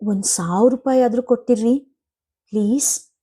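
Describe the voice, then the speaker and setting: A woman doing a tearful young mother, soft and pleading. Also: fairly high pitch, moderate pace, husky.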